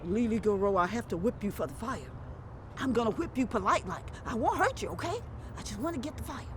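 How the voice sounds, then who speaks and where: Woman acting male leopard, folktale, proud, polite, insistent, Lowcountry Gullah Geechee accent, lively intonation, noisy recording. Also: fairly quick, close to an everyday voice. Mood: polite, reluctant. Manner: insistent, courteous. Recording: clearly noisy background.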